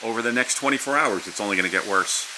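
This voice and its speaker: A vlogger narrates a casual outdoor vlog from under a house porch during a storm, speaking quickly in a lowish voice. Wind, rain and hiss can be heard behind him.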